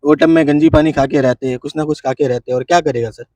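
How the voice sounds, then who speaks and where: A man's voice: mid-range voice, steady tone, fast, dark tone, dry recording, recorded from a distance. A man who runs a street stall, making an emphatic, aggrieved complaint in a street interview. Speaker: street vendor.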